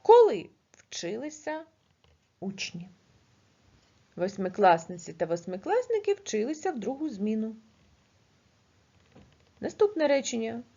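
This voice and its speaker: Husky-voiced woman teacher reading a lesson. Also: on the high side, warm tone, muffled recording. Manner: slow, measured dictation of example sentences. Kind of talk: reading a grammar lesson aloud.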